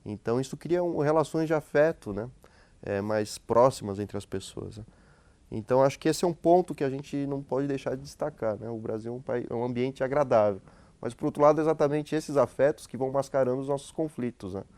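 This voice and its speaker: A man speaking as a guest sociologist and professor, explaining in a relaxed conversational way, tagging his sentences with questions and often restarting them. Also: mid-range voice, brisk, clean tone, no room sound. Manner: frequent tag questions and hesitant restarts.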